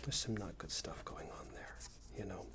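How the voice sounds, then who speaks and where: In an ASMR roleplay, a man plays a smug, unreasonable boss who scolds an employee at a moderate pace, close to an everyday voice. His soft, breathy whisper dips into a low creaky murmur, and his hesitant, meandering reprimand sounds condescending and disapproving.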